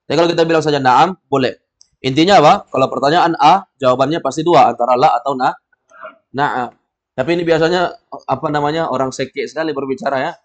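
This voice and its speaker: A man teaching a beginners' Arabic class, drilling students and quizzing and correcting them. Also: a little high. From Indonesia. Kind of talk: classroom language lesson.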